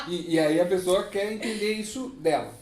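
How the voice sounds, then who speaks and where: A woman's voice: on the low side, moderate pace. A woman co-host who breaks in with jokes and teasing remarks. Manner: joking, teasing interjections. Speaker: podcast co-host. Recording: echoey room with loud crowd noise.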